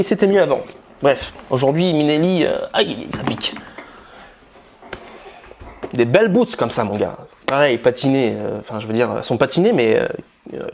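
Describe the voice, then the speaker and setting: A man's voice: a little high, darkish tone, slight background noise. A man from France giving casual, blunt style and dating advice straight to the camera, swearing freely and calling the viewer buddy.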